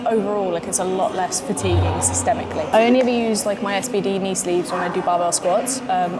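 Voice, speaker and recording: A British woman vlogging about fitness in a casual, chatty way, with informal, slangy phrasing and the odd mild swear. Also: on the low side. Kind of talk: casual chat to camera.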